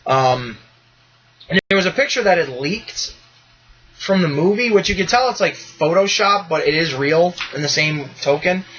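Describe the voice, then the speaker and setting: A man hosts a podcast in loose, rambling conversation, swearing freely and breaking into bursts of enthusiasm. His voice sits a touch high and sounds bright and forceful. The recording is muffled and lo-fi. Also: lively intonation, normal speed, slightly rough. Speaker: podcast host. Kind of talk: casual chat.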